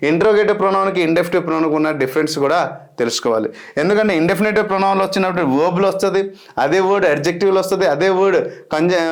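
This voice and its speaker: A man's voice: high-pitched, vocal fry. A young man with a Telugu accent lecturing as an exam-prep teacher, emphatic and repeating key words.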